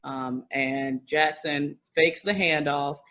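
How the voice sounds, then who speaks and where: A man co-hosting a casual sports podcast, chatty and quick to laugh, often restarting his sentences. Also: a little high, fairly even intonation, sharp tone, poor audio. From American South. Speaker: podcast co-host.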